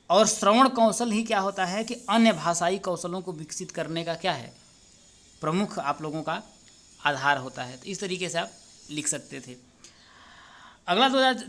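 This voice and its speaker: A man's voice: high voice, sharp tone. Man walking students through exam answers. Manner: explains step by step, often asks and answers his own questions; addresses viewers as friends, repeats words while working out phrasing. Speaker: exam tutor. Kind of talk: exam paper walkthrough lesson.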